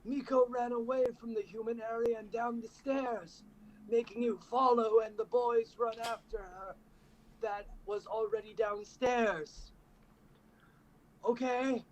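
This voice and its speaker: Male co-host, high-pitched, unhurried, sardonic comic narrator, light noise. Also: fairly even intonation, rough recording. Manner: wry, swears casually, adds sarcastic asides. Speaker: co-host reading fan fiction. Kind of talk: comedic dramatic reading.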